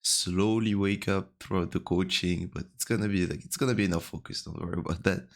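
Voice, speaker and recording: Casting: man, deep and gravelly, just woke up, soft rambling coaching talk, close mic. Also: fairly even intonation, a little fast. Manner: soft-spoken and rambling, many fillers. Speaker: game coach. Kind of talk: casual coaching call. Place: home room at night.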